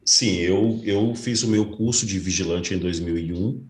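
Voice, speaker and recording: A man, a security guard being interviewed. His voice sits very low, and he tells his story in an earnest, polite way. The sound carries a roomy echo, like a video call from a bare room. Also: a little slow, darkish tone. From Brazil. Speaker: guest, private security guard. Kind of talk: casual interview.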